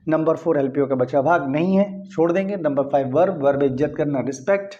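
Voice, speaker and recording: A man's voice: a little high, fairly quick, dark tone, dull audio. A man teaching English grammar, explaining step by step and repeating key phrases as he questions his students. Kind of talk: explanatory lesson.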